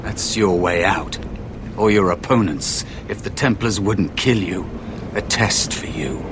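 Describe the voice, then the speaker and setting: An actor playing a wary, sorrowful spirit of a lost young apprentice in a fantasy video game, hesitant and cautionary. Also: male voice, sits low, unhurried, background noise.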